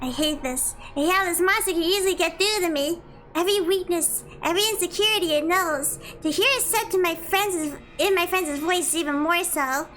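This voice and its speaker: A woman streamer reading a game's narration aloud and breaking off into excited, swearing reactions. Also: very high voice, brisk, soft background music. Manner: reads narration, then bursts into swearing and laughing reactions.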